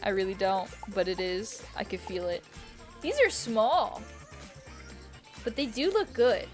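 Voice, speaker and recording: A woman live streams a game, thinking aloud in a casual, rambling, indecisive way and repeating herself. Her medium-pitched voice is very animated yet unhurried, with quiet music in the background.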